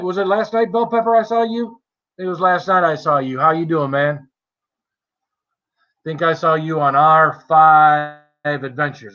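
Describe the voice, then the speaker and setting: A man's voice: a little high, pushed and bright. A man hosting a casual livestream chat in a chummy, self-deprecating way. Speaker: livestream host. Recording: dull lo-fi stream audio.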